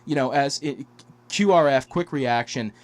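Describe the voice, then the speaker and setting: A man's voice: medium pitch, a little slow. A man hosting an interview, asking long, hedging questions full of "you know". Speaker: interview host.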